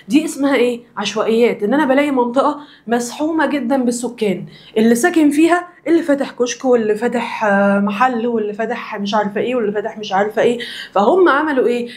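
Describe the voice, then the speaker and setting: A young woman teacher from Alexandria, speaking with an Egyptian Arabic accent and a slightly high voice, gives a recorded social studies lesson for children. She drills the answers by asking the same question again and again.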